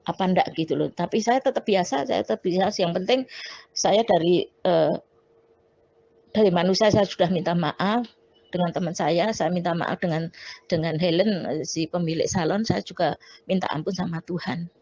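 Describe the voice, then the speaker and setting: A woman's voice: on the low side, normal speed, long pauses, darkish tone. A woman, telling a personal testimony with quoted dialogue and frequent restarts. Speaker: testimony speaker. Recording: dull lo-fi recording.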